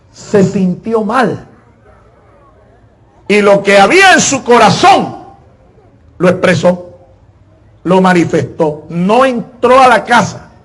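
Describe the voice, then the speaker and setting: A man preaching a sermon in an emphatic style, repeating his phrases and often pausing on filler words. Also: sits high.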